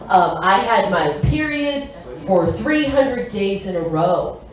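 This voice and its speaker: A woman performing a stand-up comedy set, brash and excitable, shouting her punchlines. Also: medium pitch, slow pace, lo-fi sound. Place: comedy stage in a hotel venue. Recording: echoey room, from a distance.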